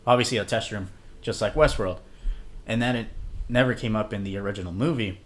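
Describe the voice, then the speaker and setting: A man's voice: lowish voice, a little fast. A young man co-hosting a casual podcast, rambling with fillers and trailing thoughts. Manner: rambling, hesitant, lots of fillers. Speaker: podcast co-host. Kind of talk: casual chat.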